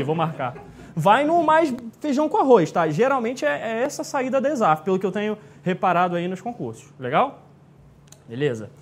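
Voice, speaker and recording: Chatty Rio teacher checking in with the class. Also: male voice, very high voice, slight background noise. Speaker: exam-prep teacher. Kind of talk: live classroom lecture.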